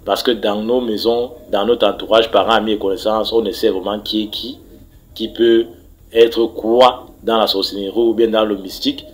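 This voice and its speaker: A fairly low-pitched man from Cameroon speaks at normal speed with fairly even intonation over poor audio. Contributing a mystical story by voice message, he preaches, trips over words and repeats himself while urging people to pray.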